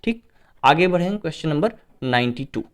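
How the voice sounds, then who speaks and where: A man with an Indian English accent who tutors English literature, working through exam questions. He reads each English question slowly, explains it in Hindi and often says "okay". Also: on the high side, animated. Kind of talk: exam paper solution lesson.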